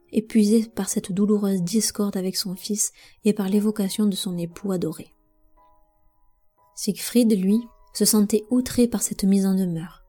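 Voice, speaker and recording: A woman narrating a novel as an audiobook in an expressive, measured way. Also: mid-range voice. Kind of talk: scripted narration.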